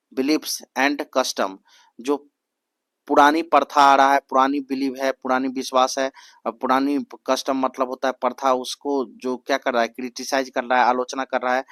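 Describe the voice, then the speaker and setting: A young man leads a coaching lesson at an even middle pitch, asking "what is it called?" and repeating each answer in a drill. He reads the English prompts slowly, word by word. The sound is dry and close, with no room echo. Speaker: exam coaching teacher. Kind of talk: Hindi exam-prep lesson mixed with English.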